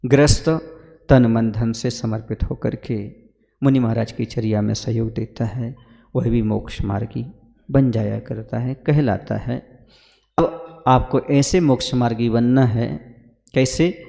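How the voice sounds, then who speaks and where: A Jain monk giving a sermon to a gathering, calling listeners brothers and putting questions to them. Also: male voice, medium pitch, fairly even intonation, unhurried, vocal fry, mellow, long reverb tail.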